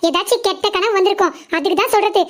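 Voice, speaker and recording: A woman voicing a shrill scolding cartoon mother. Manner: nagging, quick rebukes. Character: scolding, sharp-tongued mother of a schoolgirl.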